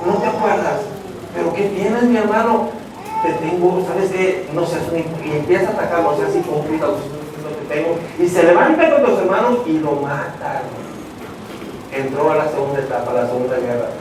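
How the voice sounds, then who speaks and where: The background is noisy in this church recording, where a distant microphone picks up a man with a fairly high voice bouncing around an echoey hall. Speaking to his "hermanos," he preaches an evangelistic message through dramatic storytelling, voicing each character himself.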